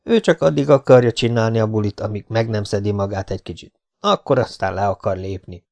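A man voicing a laconic, tough adventurer in an audiobook, keeping close to his own dark voice. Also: lowish voice, vocal fry. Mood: terse. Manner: terse, matter-of-fact.

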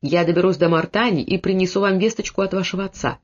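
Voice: medium pitch, quick pace, natural voice. A reader voicing a devoted, brave young nobleman who speaks with impassioned earnestness, on a dull lo-fi recording.

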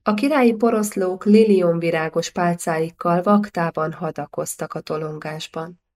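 A woman narrates a historical novel as an audiobook, reading in a steady, measured way. Her voice sits on the lower side for a woman.

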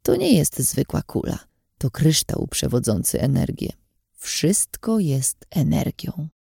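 A woman voicing an old female seer with a hoarse, rasping voice, speaking slowly in a hushed, trance-like way. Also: deep voice, wildly swooping pitch, dry recording, studio quality, full character voice. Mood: cryptic. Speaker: audiobook character.

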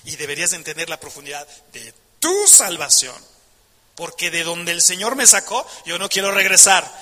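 A man's voice: a little high, very animated, normal speed, pushed and bright, in a large hall. A man preaching a passionate sermon, emphatic, asking the audience rhetorical questions.

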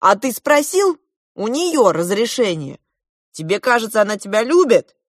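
A woman's voice: on the high side, big pitch swings, moderate pace, no room sound, studio quality, pitched above the performer's own voice. A woman voicing a hot-tempered jealous boy. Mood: angry. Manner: hot-headed, shouting retorts.

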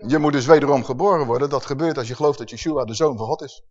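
A man's voice: mid-range voice, fast, a little mellow. A male preacher giving an emphatic sermon and asking the congregation questions. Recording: dull lo-fi recording.

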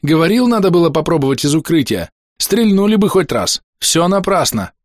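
A man voicing an excitable, boastful soldier gunner who shouts eagerly in an audiobook battle scene. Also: mid-range voice, normal speed, dry recording, clean studio sound, pitched above the performer's own voice, close to an everyday voice. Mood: worried.

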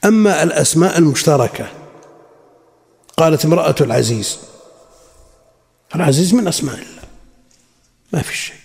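شيخ رجل بصوت خشن أجش في قاعة. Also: male voice, a little high, lively intonation, gravelly, a little mellow, husky. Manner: measured, explanatory, quotes sources then comments. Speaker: Islamic scholar teaching a lesson. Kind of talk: lecture explaining a classical text. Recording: long hall reverb.

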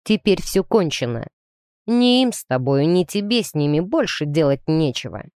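A woman reading a storybook voicing a calm, firm teenage boy who leads his team and gives stern orders. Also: low voice, normal speed, clear, resonant tone, no room sound, clean studio sound. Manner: stern, commanding.

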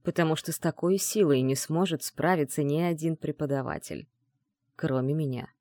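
A man's voice: normal speed, dry recording, clean studio sound, close to an everyday voice. Man playing a smug, commanding mage. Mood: mocking, calm. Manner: calm, mocking, low-voiced taunts. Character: arrogant, commanding male mage mentor. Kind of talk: audiobook dialogue reading.

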